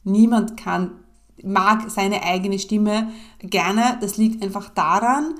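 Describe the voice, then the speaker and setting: A woman's voice: mid-range voice, slow, fairly bright tone. Chatty woman podcaster, many fillers. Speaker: podcast host and business coach. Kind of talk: casual solo podcast talk. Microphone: home podcast mic.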